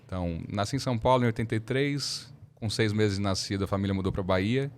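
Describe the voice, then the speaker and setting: A Brazilian man in his thirties, a lawyer telling his story as a podcast guest in a measured, reflective way. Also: on the low side. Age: 30s. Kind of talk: casual interview talk.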